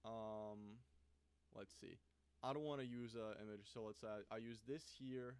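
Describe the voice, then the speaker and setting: A man talks through a software walkthrough in a loose, conversational way, pausing to think aloud as he goes. His voice is smooth and resonant, recorded close and dry with no room sound. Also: fairly low pitch, steady tone, no room sound. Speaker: software reviewer. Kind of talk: casual screen-recorded tutorial.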